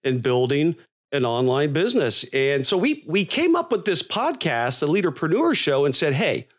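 A man's voice: a little high, sing-song, moderate pace. A man co-hosting a podcast in casual conversation, wordy and thinking aloud as he goes. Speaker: podcast co-host.

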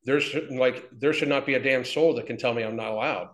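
A fitness business owner in his fifties, speaking a little fast in a mid-range voice, is an interview guest in a casual chat. He talks bluntly, swears a lot, and rambles with frequent restarts. The room is echoey.

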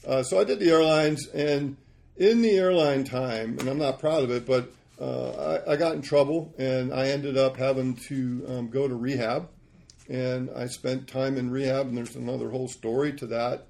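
A man in his sixties, a podcast guest, telling rambling, animated stories about his life. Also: medium pitch, moderate pace, gravelly. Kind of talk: storytelling interview.

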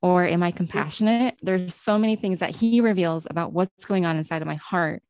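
Earnest woman with a low, dry voice. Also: fairly quick, a little mellow, no room sound. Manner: earnest, questioning, many "like" fillers. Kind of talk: reflective Bible teaching chat.

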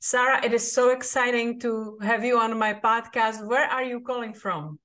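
A woman's voice: fairly high pitch, moderate pace, a bit bright. A woman with a Czech accent hosting a podcast interview, upbeat and inviting, with emphatic delivery. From Czech Republic. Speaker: podcast host. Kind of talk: podcast interview with scripted intro.

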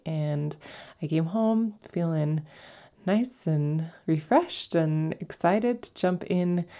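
Stuffy-voiced woman, low and gravelly. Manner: chatty, easygoing, with soft laughs and fillers. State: stuffy and congested from a cold. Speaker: podcast host. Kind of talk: casual personal storytelling podcast.

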